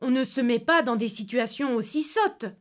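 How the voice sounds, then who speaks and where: A woman reading aloud voices a stern, angry older uncle who scolds and lectures gravely. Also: on the high side, moderate pace, lightly acted.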